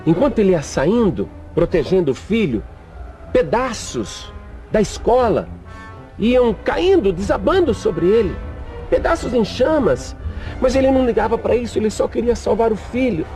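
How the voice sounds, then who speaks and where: A male preacher telling a dramatic story in an emotive way, swinging between hushed and urgent. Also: high voice, sing-song, moderate pace, soft background music.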